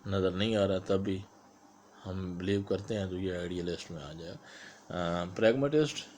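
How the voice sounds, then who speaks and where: A man with a Pakistani accent explaining exam questions step by step, like a teacher, and reading the questions out slowly. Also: low-pitched, a little mellow, a little hiss or hum. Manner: explains step by step, mixing English terms into Urdu, reads questions aloud slowly. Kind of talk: explanatory exam-prep lecture.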